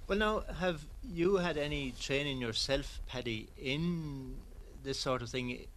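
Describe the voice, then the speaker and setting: A man's voice: a little high, measured pace, a bit bright, a little hiss or hum, poor audio. A man, putting questions as an interviewer for a broadcast documentary.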